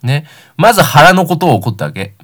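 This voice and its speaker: A young man of about nineteen talks alone as host of a comedic talk show. He rambles through anecdotes and mocks himself, and his pitch swings widely up and down as he goes. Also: sing-song, normal speed, a bit bright. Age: young adult, about 19. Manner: rambling, self-deprecating comic storytelling.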